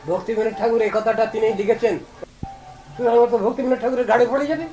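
High-voiced man giving a devotional talk. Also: steady tone, dark tone, faint music behind, low-quality recording. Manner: earnest, reasoning aloud, slow chanted recitation of verses. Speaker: religious speaker. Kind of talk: devotional discourse.

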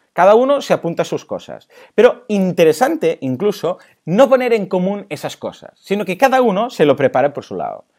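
A man's voice: fairly high pitch, a little mellow. A man hosting a solo podcast lesson, chatting casually and addressing his listeners directly. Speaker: podcast host teaching marketing.

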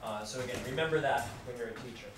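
A man giving a classroom lecture to students, lively and acting out examples as he explains. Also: mid-range voice, fast talker. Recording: very echoey room, distant mic, background noise.

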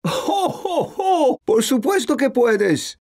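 A woman's voice: high-pitched, big pitch swings, slow, a little mellow, heavily acted. A woman voicing a jolly, kindly old male Santa Claus in a hearty way, with a Latin American Spanish accent, for a children's cartoon. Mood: jolly, welcoming. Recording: music behind the voice.

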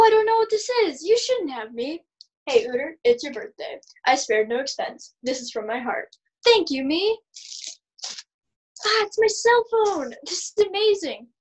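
A woman's voice: high-pitched, slightly rough. A woman playing a lonely, self-absorbed woman who throws herself a birthday party and talks to herself in two voices.

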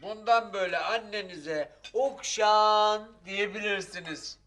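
A gruff, tipsy father. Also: high voice, slow, pushed and bright, exaggerated voice. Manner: gruff, blunt. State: drunk. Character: Zekeriya, gruff drunk father. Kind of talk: TV comedy-drama acting.

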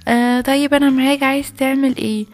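A woman's voice: high-pitched, fairly even intonation, fast, darkish tone, lightly acted. A woman with an Egyptian accent voicing a giggly, chatty schoolgirl accomplice in a toy play video. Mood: eager. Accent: Egyptian Arabic.

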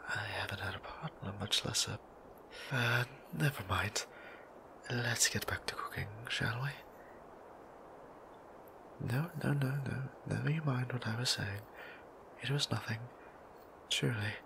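A man's low, whispery, breathy voice brings a centuries-old vampire priest to life in an intimate ASMR roleplay, shy and gentle, stammering and halting over genteel old-fashioned phrases. He comes across as embarrassed and earnest, with background noise present.

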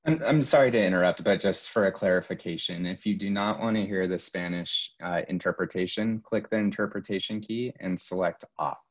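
A man with a low, husky voice gives polite, step-by-step instructions to the people on a video call. His audio sounds dull and lo-fi. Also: fairly quick, few pauses. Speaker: event technician. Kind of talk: technical announcement.

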